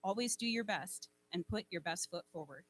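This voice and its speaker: A woman's voice: on the low side, animated, moderate pace, a bit bright, slight background noise. A woman advisor reading student officer bios formally from a lectern microphone at a school ceremony. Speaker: honor society advisor. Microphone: speaking at a lectern microphone.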